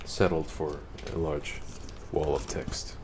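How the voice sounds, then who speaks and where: A man reading a game's story text aloud on a stream, in a deep, low, steady monotone. He often stumbles and restarts mid-word. A faint hum runs under his voice. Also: slow pace. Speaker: let's play streamer. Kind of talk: reading game text and commenting. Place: home streaming setup.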